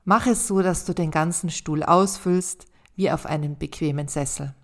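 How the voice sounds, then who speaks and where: A woman hosting a self-help podcast, calmly speaking straight to the listener and guiding them through exercises in a gentle, encouraging way. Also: sits low, moderate pace. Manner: calm, addresses the listener directly as "du". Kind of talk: scripted advice monologue.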